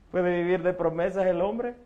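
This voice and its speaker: A man's voice: high voice, phone-quality sound. A middle-aged man, preaching an evening sermon in a folksy, joking way and addressing the congregation again and again as brother. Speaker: pastor.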